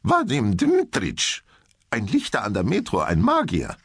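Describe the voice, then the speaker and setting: A man voicing an excited young male trainee magician in an audiobook, eager and blurting. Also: medium pitch, a little slow, creaky, husky, no echo, pitched above the performer's own voice, heavily acted. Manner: eager, blurting, drops to a whisper.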